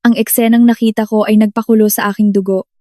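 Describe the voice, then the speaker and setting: A woman narrating a dramatic first-person story in a steady storytelling manner. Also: mid-range voice, fast talker, dry recording, studio quality.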